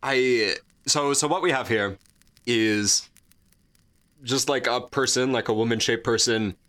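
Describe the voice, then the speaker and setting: A man's voice: medium pitch, unhurried, fairly bright tone. A man co-hosting a podcast, chatting casually in a rambling, jokey way full of fillers and restarts. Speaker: podcast co-host. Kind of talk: casual chat.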